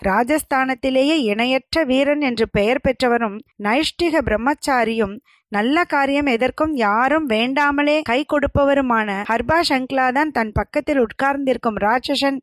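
Woman reading a story, fairly high voice. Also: dry recording. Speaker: story reader. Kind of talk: reading a historical novel aloud.

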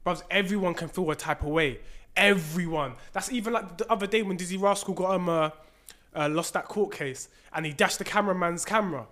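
A young man with an urban London roadman accent, arguing in a heated casual debate, insistent and quick to cut in and repeat himself. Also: high voice, a bit bright. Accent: London, urban roadman slang. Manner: argumentative, insistent, repeats and interrupts.

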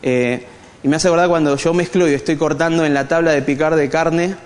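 A man's voice: fairly high pitch, fairly quick. Rioplatense man teaching in a reverberant hall. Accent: Rioplatense Spanish. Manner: animated, joking, addresses the audience directly. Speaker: Bible study teacher. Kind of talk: conversational church teaching.

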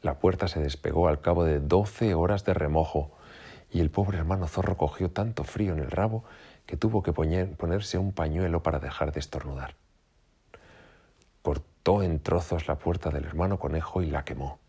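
Narrador grave de voz ronca. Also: male voice, very deep voice, moderate pace, breathy edge. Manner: calm, even narration. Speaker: storyteller. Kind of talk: children's story reading.

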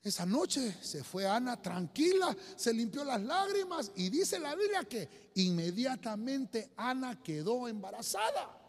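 Pastor guy preaching, very high voice, swings up and down a lot, big echoey hall. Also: very animated, a little slow, few pauses. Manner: emphatic, keeps calling listeners "hermano". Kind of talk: sermon. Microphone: streamed to listeners online. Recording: long hall reverb.

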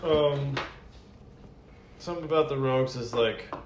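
A man's voice: medium pitch, unhurried, muffled recording. A man chatting casually in bro-ish slang. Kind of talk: casual chat. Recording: echoey room, faint noise.

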